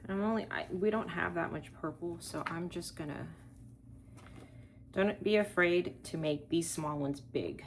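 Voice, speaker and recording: A fairly low-pitched woman talks a little slowly over slight background noise. Hailing from Texas, she runs a casual wreath-making tutorial, talking while working, thinking aloud and rambling off on tangents.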